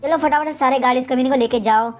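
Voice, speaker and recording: A woman's voice: high-pitched, fast talker, soft background music, natural voice. A woman voicing a male emperor who soothes an honored guest and orders his servants about. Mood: commanding. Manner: soothing yet commanding. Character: placating middle-aged male emperor, commanding.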